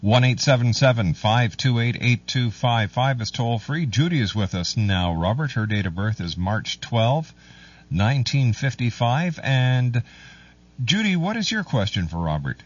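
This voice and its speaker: A man hosts a live radio call-in show. His voice is rough and husky, his manner polite and formal. The sound is muffled and a little away from the mic. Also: mid-range voice, sing-song, unhurried. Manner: courteous, formal, calls callers dear. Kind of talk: hosting a live phone-in. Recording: dull, distant-sounding radio audio.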